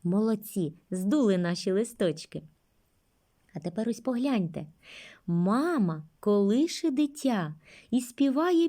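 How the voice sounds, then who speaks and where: A woman teaching young children a speech lesson, speaking gently and drawing out words for them. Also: mid-range voice. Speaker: kindergarten teacher.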